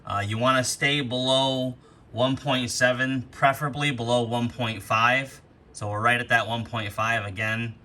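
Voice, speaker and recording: In an attic with rain falling outside, a man hosts a casual, hands-on walkthrough of radio gear, explaining informally as he goes. His medium-pitched voice is bright and forceful yet flat in delivery and unhurried, and rainy attic background noise fills the recording.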